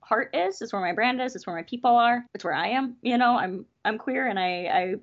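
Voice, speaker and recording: A woman who works as a festival variety performer, chatting in an interview in an upbeat, chatty way full of quick asides. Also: fairly high pitch. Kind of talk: casual interview chat. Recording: dull lo-fi sound.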